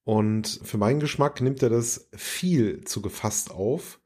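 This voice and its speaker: A man's voice: mid-range voice, slow pace, darkish tone. A man co-hosting a podcast, chatting about an episode in an amused, emphatic way. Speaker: podcast co-host. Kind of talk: casual review chat.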